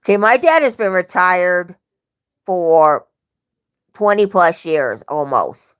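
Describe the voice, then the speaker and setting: A woman's voice: on the low side, animated, takes it slowly, smooth. A young woman chatting on a livestream, telling rambling family stories and often correcting herself. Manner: rambling, self-correcting storyteller. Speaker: livestream host. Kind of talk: casual livestream chat.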